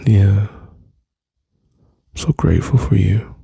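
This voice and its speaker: A man speaking slowly and intimately into a close mic, soothing and reassuring, often dropping to a whisper. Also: on the low side, steady tone, vocal fry, warm tone, slightly rough, no room sound. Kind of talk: soft-spoken ASMR comfort roleplay.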